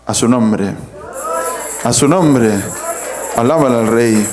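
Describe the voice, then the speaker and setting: A man's voice: mid-range voice, slow pace, over music, crowd noise. A man with a Peruvian Spanish accent preaching a sermon to a congregation, emphatic and swinging his voice up and down as he calls out to the room. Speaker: pastor teaching preaching. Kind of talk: sermon teaching.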